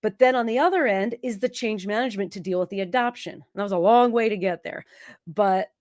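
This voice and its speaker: Sniffling through a cold, a woman who works as a productivity consultant hosts a live Q&A stream, chatting and interrupting herself while quickly voicing agreement. Her voice sits at a middle pitch with a darkish tone, captured in a close, dry recording.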